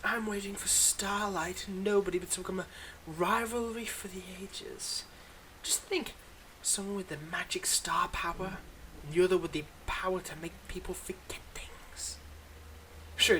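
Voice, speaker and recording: Playing a tired, dryly humorous villain who hides a kind heart, a man speaks in a teasing, fond mood in an intimate audio roleplay. His voice sits high and sounds pushed and bright, with fairly even intonation and normal speed, delivered conversationally with some hesitation. A slight hiss or hum runs through the rough recording.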